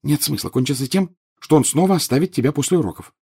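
A man voicing a bossy teenage schoolgirl speaking urgently and hushed. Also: a little high, lively intonation, quick pace, vocal fry, slightly rough, dry recording, studio quality, pitched above the performer's own voice, exaggerated voice.

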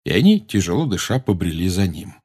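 Husky, low-voiced male narrator. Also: brisk. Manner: expressive reading. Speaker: audiobook narrator. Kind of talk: audiobook narration.

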